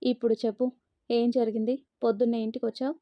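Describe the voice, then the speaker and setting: A woman's voice: fairly high pitch, little pitch movement, fast, no echo, highs cut off, lightly acted. A woman voicing a stern middle-aged mother who harshly lectures her grown daughter.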